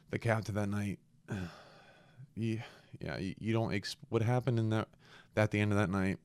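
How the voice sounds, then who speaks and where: Low-voiced young man, sniffly with a cold. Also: darkish tone, clear, resonant tone, no echo. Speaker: podcast host. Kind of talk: casual reflective solo podcast monologue.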